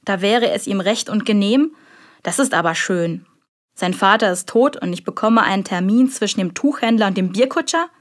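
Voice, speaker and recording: A woman's voice: medium pitch, normal speed, lightly acted. A woman reading an audiobook, voicing a stern, irritable male magistrate with biting sarcasm. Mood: sarcastic. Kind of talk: audiobook character voice.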